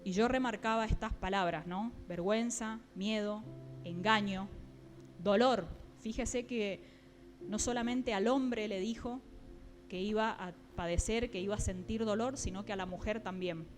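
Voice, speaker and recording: A woman delivers a sermon in a voice of middling pitch. She speaks directly to her listeners, often stopping with small fillers and asking whether they follow. Soft music plays faintly underneath. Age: adult, mother. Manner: keeps checking in with listeners, pausing with fillers. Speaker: preacher.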